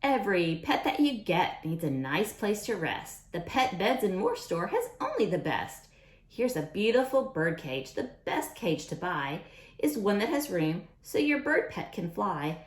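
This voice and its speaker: Very animated but a little slow, a medium-pitched woman's voice leads a storytime for young children in a sing-song way. She keeps asking questions and repeating lines, heard with roomy, echoing acoustics.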